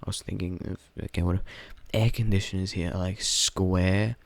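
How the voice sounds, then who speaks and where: A man with a deep, fry-edged voice reacts casually to what he is watching. His delivery is slangy and jittery, carrying a steady amused disbelief. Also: normal speed, no room sound. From Australia. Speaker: reaction video host. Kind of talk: casual off-the-cuff reaction commentary.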